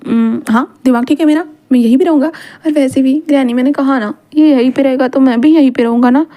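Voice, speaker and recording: A woman's voice: sits high, a little fast, warm tone, close to an everyday voice. A woman voicing a clingy, possessive young male angel who pleads and whines through tears. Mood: insistent. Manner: pleading, whiny, breaking into sobs.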